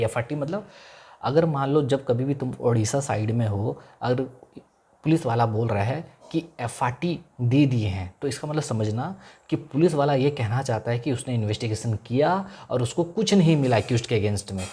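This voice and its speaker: A male law lecturer teaches in a classroom style with a warm, husky, medium-pitched voice. He keeps getting listeners to repeat key terms, posing them as call-and-response questions, and draws out English legal phrases slowly.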